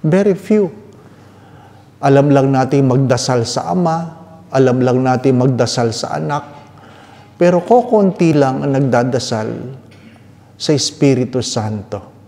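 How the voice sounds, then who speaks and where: Filipino guy priest preaching, really slow mellow voice, big cathedral echo. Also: mid-range voice. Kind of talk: liturgical reading and sermon. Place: large echoing church. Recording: long cavernous church reverb.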